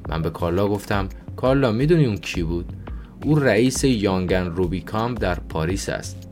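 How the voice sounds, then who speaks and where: A man narrating an audiobook in a calm, even reading voice. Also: low-pitched.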